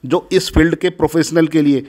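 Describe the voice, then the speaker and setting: Flat-voiced man narrating. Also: on the high side, brisk. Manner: steady informative listing. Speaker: vlogger. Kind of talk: promotional voice-over.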